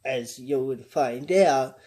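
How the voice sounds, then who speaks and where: A man's voice: mid-range voice, slow pace, warm tone. A man hosting a reaction commentary, talking through song lyrics in a conversational, analytical way and chuckling often. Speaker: commentary channel host.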